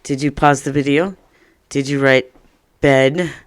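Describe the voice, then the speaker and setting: A man teaching an online first grade phonics lesson, sounding out words slowly and cheering children on. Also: mid-range voice, fairly even intonation, clear, resonant tone, dry recording.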